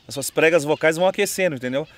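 A Brazilian music teacher with a Brazilian Portuguese accent gives a casual video singing lesson, speaking rapid-fire in a slightly high voice. He's chatty, often checking in with "entendeu?", and plays his own guitar in the background.

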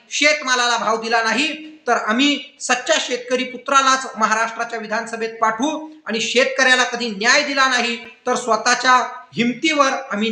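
A man's voice: extremely high pitch, pushed and bright, echoey room. A man giving an impassioned, oratorical campaign appeal as a political commentator, rallying his listeners. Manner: rousing, oratorical, addresses viewers as friends and brothers.

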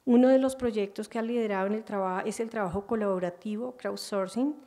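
A middle-aged woman with a soft, dark timbre and medium pitch presents at a conference. She reads aloud formally from a prepared text at the podium. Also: brisk. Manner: formal, reading aloud with occasional stumbles. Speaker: conference presenter, library director. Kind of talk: formal introduction read from paper. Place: auditorium, indoors. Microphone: gooseneck podium microphone.

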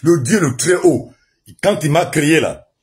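Man, Gabonese French accent, loud emphatic storyteller, husky rough voice, lively swooping pitch. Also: measured pace. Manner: loud, emphatic, says his voice is naturally loud, laughs while telling. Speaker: former detainee telling his story. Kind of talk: animated personal storytelling to an audience.

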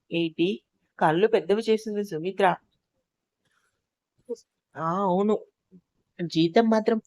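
A woman's voice: mid-range voice, dark tone, no room sound, dull audio. A woman narrating a family drama story, voicing the quarrelling relatives herself. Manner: acts out quarrelling family members in her own voice.

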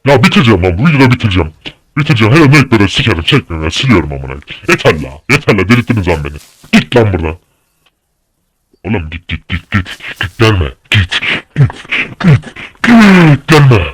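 A young man giving angry gameplay commentary, swearing and shouting at the game in a fury. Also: lowish voice, very animated, quick pace, no echo. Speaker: gaming YouTuber.

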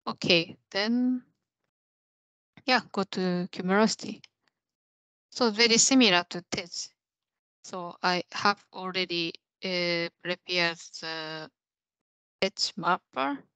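A young adult woman gives a step-by-step technical presentation with a live software demo on a video call from a small indoor space. She speaks slowly with fairly even intonation and frequent pauses, her lowish voice clear, resonant and fairly bright. No room sound is audible, but the recording is low quality.

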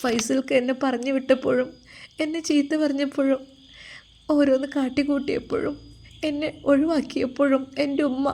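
A devoted young daughter-in-law in an audio story, pleading and emotional, with a lilt. Her voice rides noticeably higher than the narrator's, with a woman acting her out. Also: a little mellow.

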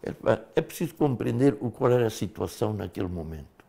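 An older man from Mozambique, a former liberation fighter, telling his story in a studio interview with animated delivery and frequent casual fillers. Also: fairly low pitch, fast talker, vocal fry.

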